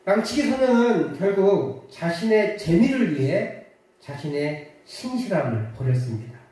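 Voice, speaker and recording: A man's voice: high-pitched, very animated, measured pace, darkish tone. Pastor guy preaching, bouncy voice, hesitates a lot, super echoey church, mic far off. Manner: storytelling with frequent hesitations. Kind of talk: sermon. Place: church sanctuary.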